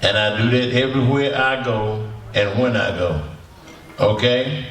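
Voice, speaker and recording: A man's voice: medium pitch, measured pace, fairly bright tone. A man, a blues musician telling rambling stories to an audience, repeating words and chuckling as he goes. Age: 80s. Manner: folksy, repetitive, chuckling storyteller. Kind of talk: storytelling to an audience. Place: symposium hall. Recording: echoey room from far off.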